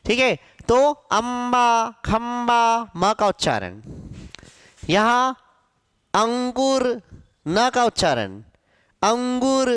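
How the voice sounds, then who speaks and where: Slow, lively-pitched man teaching a class. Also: dry recording, studio quality. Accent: Hindi, from central India. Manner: asks questions and answers them himself, repeating sounds slowly. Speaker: Hindi teacher. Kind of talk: classroom grammar lesson.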